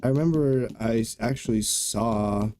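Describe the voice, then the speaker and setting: A man's voice: mid-range voice, normal speed, warm tone, slight background noise. A young man from Arizona with no regional accent, giving casual, jokey let's play commentary and swearing freely. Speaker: gamer streaming a playthrough. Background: game music and horse hooves.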